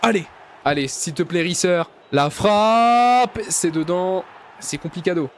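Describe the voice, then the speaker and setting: A high-voiced young man chats through a football video game, muttering line-ups and then erupting at goals. His talk is slangy and playful, aimed straight at his viewers. A faint hiss of noise sits under the recording. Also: unhurried. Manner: excitable, swings from mumbling asides to loud cheering; addresses viewers as "les gars", slangy and joking. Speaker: gaming YouTuber. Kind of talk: casual gameplay commentary.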